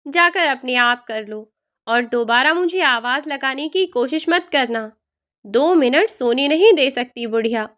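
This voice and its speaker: A woman voicing a rude, scornful young daughter-in-law who shouts insults. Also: high-pitched, expressive, measured pace.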